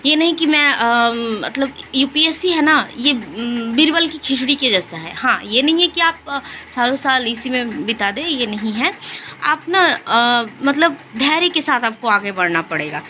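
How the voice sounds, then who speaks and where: A young woman talks to her viewers in a relaxed study vlog, her voice high and bright. She explains at an easy, chatty pace, pausing on fillers. Faint room ambience sits behind her. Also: slight background noise. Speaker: vlogger. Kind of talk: casual study vlog talk.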